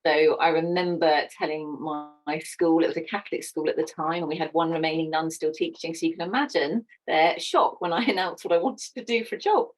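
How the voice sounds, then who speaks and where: This is a middle-aged woman with a low voice, chatting about her work as a sex educator. She speaks earnestly, with open enthusiasm for her subject. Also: steady tone, a little fast, few pauses, low-quality recording. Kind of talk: casual chat.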